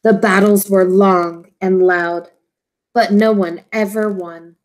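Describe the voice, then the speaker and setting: A woman teacher reading a children's storybook aloud, expressively and in simple, deliberate phrases for young listeners. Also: mid-range voice, steady tone, a little mellow.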